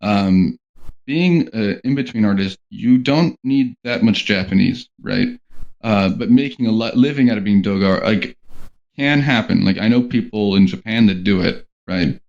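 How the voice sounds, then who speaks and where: Speaking at a normal speed with a lowish, darkish voice, a man on a podcast panel chats informally about his animation work. His talk wanders and is packed with "like" and "um" fillers, captured in dull, lo-fi sound.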